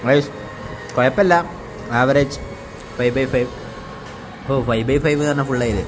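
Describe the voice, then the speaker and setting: A man's voice: medium pitch, fairly even intonation, moderate pace, background noise. A man with a Malayali accent chatting casually for a food vlog, teasing and mixing English words into his Malayalam. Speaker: vlogger. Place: indoor restaurant. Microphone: handheld phone. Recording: busy restaurant with background chatter.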